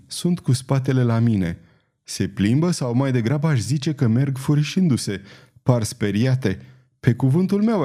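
A man reading an audiobook, voicing a talkative companion who speaks in a wordy, flattering, fussy way. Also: medium pitch. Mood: quizzical.

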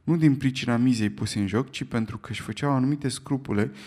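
A man narrating a classic novel as an audiobook in a measured, steady reading. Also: mid-range voice, husky. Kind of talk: scripted narration.

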